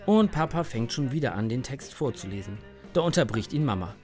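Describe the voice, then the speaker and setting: A woman's voice: very deep voice, lively intonation, fairly quick, warm tone, faint music behind. A woman narrating a children's story expressively.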